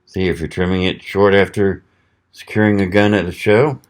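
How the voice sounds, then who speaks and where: A middle-aged man from the American South talks through a knife test in a casual, folksy vlog. His voice sits low and unhurried as he thinks aloud between cuts. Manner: relaxed, folksy, thinking aloud while cutting. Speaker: knife reviewer.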